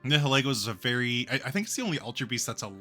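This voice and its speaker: A man's voice: mid-range voice, expressive, racing, bright, forceful tone, soft background music. A young man hosting and coaching on a casual stream, upbeat and analytical with lots of fillers. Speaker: league coach and draft host.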